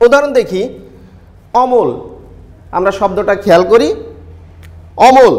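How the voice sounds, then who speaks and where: High-voiced male teacher explaining patiently. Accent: Bangladeshi Bengali. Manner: slow, repetitive explaining to students. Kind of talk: televised online class lecture.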